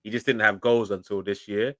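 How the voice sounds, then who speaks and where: Animated man. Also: lowish voice, fairly quick, no room sound. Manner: animated, slangy, laughs often. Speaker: guest pundit. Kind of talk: casual football banter.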